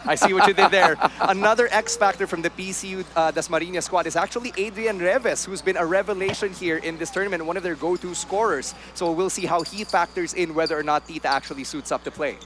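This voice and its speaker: A man's voice: sits high, quick pace, hardly any pauses, noisy background. A man presenting pre-game basketball commentary as the play-by-play host.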